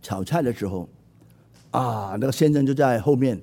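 A middle-aged man preaching a sermon, animated and acting out voices in his stories. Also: medium pitch, moderate pace, vocal fry. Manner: animated, acts out quoted voices.

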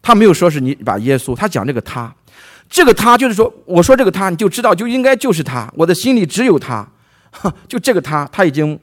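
A man from China preaches a sermon in a lively, animated way, his voice swinging up and down as he retells a Bible story. His voice sits a little higher than most men's, and he keeps putting questions to his listeners. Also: quick pace.

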